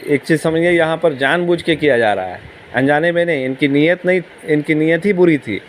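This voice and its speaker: A man's voice: fairly high pitch, a little hiss or hum. A man teaching a Quran commentary lesson, explaining patiently, asking the listeners questions and repeating key words. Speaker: religious teacher.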